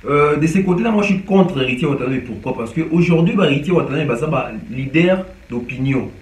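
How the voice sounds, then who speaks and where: A man's voice: fairly high pitch, a little fast. A man from DR Congo, giving casual commentary on music news and mixing in Lingala with many hesitations. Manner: mixes French and Lingala, animated with frequent hesitations. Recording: echoey room, distant from mic.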